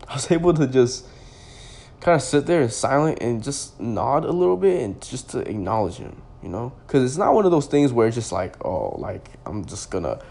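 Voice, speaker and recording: A man's voice: medium pitch, sing-song, normal speed, gravelly, warm tone. A young man in his twenties, a podcast host, telling a personal story in a loose, rambling way full of "like" and restarts. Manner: rambling, heavy use of "like" and restarts.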